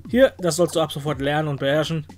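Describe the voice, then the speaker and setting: Jokey let's-play host with a high voice. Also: male voice, fairly even intonation, fast, soft background music. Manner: jokey, talks to the game characters, puts on silly exclamations. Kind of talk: playful gameplay commentary.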